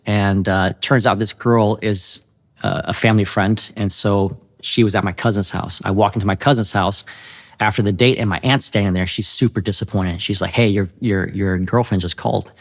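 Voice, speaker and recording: A man sharing his personal testimony in an earnest, halting way, often restarting his sentences. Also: lowish voice, fairly even intonation. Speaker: testimony speaker.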